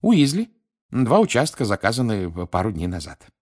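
A man's voice: medium pitch, wildly swooping pitch, moderate pace, a little mellow, voice pushed up. A man voicing a cheerful, eager middle-aged wizard who gets flustered, in an audiobook reading.

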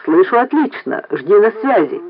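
A man's voice: high voice, very animated, moderate pace, pitched above the performer's own voice. Man playing a stern young base director. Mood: impatient. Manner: curt, gives orders. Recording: tinny phone-like lo-fi recording.

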